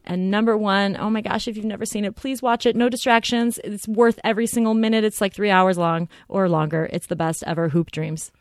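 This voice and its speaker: A gushing woman co-hosting a film podcast, tumbling from one excited thought to the next and filling gaps with "like" and "you know". Her voice sits in a middle range and is recorded close, in a dry, deadened space. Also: mid-range voice, a little fast, few pauses, dry recording. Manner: gushing, rambling, excitable with many fillers. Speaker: podcast co-host. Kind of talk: casual film podcast chat.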